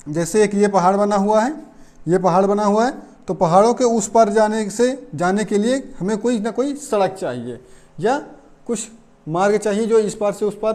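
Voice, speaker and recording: A man's voice: high-pitched, a little mellow. A man teaching an exam-prep geography lesson, pointing at a map and repeating lists for memorizing. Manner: repeats lists for memorizing, frequent "theek hai".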